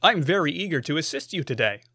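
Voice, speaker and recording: A man's voice: fairly high pitch, lively intonation, fast talker, sharp tone, husky, no echo, studio quality, heavily acted. Brief: man as eager pre-recorded hold tape, sing-song, cheesy. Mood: overeager. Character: chipper pre-recorded tape, male, pushy.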